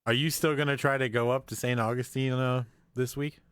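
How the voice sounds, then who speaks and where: A man co-hosting a casual live-stream chat, easygoing and quick to laugh, with short replies. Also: medium pitch, steady tone, fairly bright tone, clean tone, no room sound, clean studio sound.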